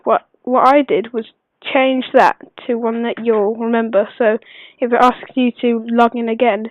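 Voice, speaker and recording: A woman who is unwell gives a casual gameplay tutorial voice-over, speaking quietly but clearly in a hesitant, rambling way. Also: a little high, steady tone, moderate pace, no echo. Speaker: gaming video maker. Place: voice-over recorded at a computer. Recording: dull lo-fi computer recording, dry.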